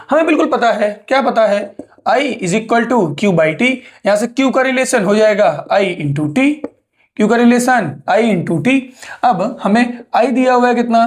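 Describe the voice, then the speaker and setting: A man's voice: high-pitched, a little mellow. A young man with an Indian English accent, a teacher going step by step through exam sums, often putting a question to the class and answering it himself. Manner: explains step by step, asks and answers his own questions. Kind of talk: exam revision lesson.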